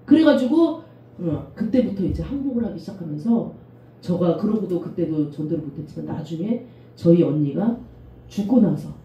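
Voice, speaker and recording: Animated woman pastor preaching in an echoey hall. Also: on the low side, moderate pace, lo-fi sound. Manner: animated preaching, often acts out quoted voices. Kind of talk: sermon. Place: church sanctuary. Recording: echoey church room from a distance, faint noise.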